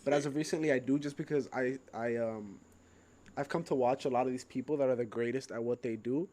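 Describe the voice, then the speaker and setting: A man's voice: mid-range voice, brisk, mellow. A nineteen-year-old man co-hosting a casual podcast, talking in a laid-back, rambling way with lots of fillers. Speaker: podcast co-host. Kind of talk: casual chat.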